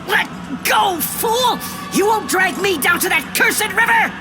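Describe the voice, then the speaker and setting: Shrieking, panicked doomed soul. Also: male voice, extremely high pitch, animated, measured pace. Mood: panicked fury. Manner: desperate shouting. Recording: music behind the voice.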